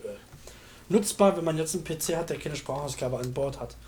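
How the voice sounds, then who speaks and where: A man with a somewhat high-pitched voice talks through technical matters in a casual chat. He is colloquial and often ends a remark with a short questioning tag. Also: fairly quick, darkish tone, a little hiss or hum. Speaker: discussion participant demonstrating software.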